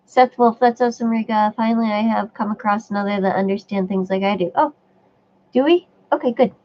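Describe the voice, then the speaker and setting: A woman's voice: mid-range voice, brisk, darkish tone, a little hiss or hum. Stuffy-nosed woman reading her stream chat. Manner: chatty, reads viewer comments aloud, laughs and sneezes. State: stuffy nose. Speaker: livestream host reading chat. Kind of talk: casual live chat. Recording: dull lo-fi stream audio.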